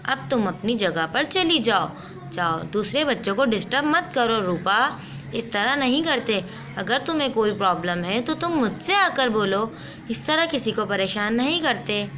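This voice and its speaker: A woman's voice: fairly high pitch, fairly bright tone, slight background noise. A woman voicing a strict young female tutor in a doll play story, firm and scolding. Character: strict young female tutor, bossy older sister type.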